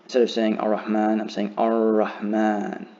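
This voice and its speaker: Male teacher, low voice, slow careful beginner lesson, muffled recording. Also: vocal fry, a little mellow. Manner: slow, careful demonstration of pronunciation.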